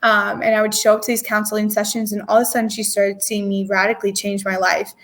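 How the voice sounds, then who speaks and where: A woman's voice: mid-range voice, level tone, fast talker, a bit bright. A woman in her twenties, an interview guest telling a personal story in a candid, emotional way, with many fillers and restarts. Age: 20s.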